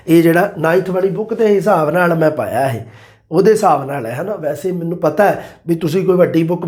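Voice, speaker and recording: A man, an exam-prep teacher explaining multiple-choice answers and quoting verses slowly. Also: high voice, a little mellow. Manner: addresses listeners as "bai", quotes verses slowly.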